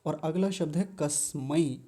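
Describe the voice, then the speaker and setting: A man teaching careful pronunciation of chanted verses, patiently explaining and repeating each word slowly syllable by syllable. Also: on the high side, mellow. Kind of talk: slow, careful pronunciation lesson.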